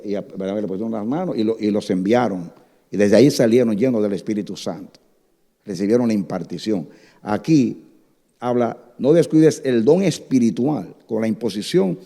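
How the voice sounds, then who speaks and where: A man preaching a sermon as pastor, telling stories with lively acted-out dialogue. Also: fairly low pitch, creaky. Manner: animated storytelling, acts out voices in dialogue. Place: church sanctuary. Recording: hall reverb.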